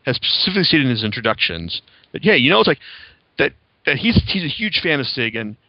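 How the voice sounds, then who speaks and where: A man's voice: medium pitch, very animated, quick pace, no room sound. A man hosting a podcast, chatting casually and reviewing with rambling, profane enthusiasm. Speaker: podcast host. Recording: slightly dull lo-fi sound.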